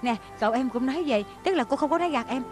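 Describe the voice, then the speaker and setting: Kind female teacher, high voice, quick and coaxing, dubbed TV drama. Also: animated, over music. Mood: encouraging. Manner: gentle and coaxing. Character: kind, encouraging female schoolteacher. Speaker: dub actor. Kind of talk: Vietnamese dub of a TV drama.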